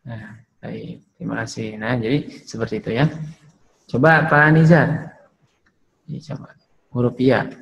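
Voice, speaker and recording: A man teaching Quran recitation, explaining letter sounds and modeling slow, drawn-out recitation for his students. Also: mid-range voice, vocal fry, fairly bright tone, muffled recording. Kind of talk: online tajwid class with drills.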